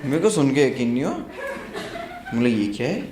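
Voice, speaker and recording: A man telling a long comic story on stage at a stand-up show, acting out the people in it with sudden jumps in pitch and loudness. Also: a little fast, very noisy. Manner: animated, jumps pitch and loudness to act out characters. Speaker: stand-up comedian. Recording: live show with loud audience laughter. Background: audience laughter.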